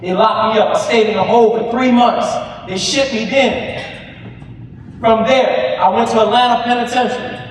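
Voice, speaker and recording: A man with a very high voice preaches hard to a crowd of students, shouting and pressing them with call-and-response. He is picked up from far off in a big, heavily echoing hall with a long reverb tail and faint room noise. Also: steady tone, moderate pace. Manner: preacher-like call and response, keeps asking "Do you hear me?"; often shouts for emphasis. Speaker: youth program founder speaking to students. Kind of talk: impassioned motivational speech.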